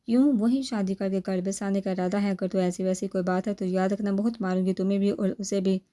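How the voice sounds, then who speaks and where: A woman's voice: medium pitch, fairly even intonation, warm tone, close to an everyday voice. A woman playing a sassy young bride. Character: playful young bride, cheeky and stubborn.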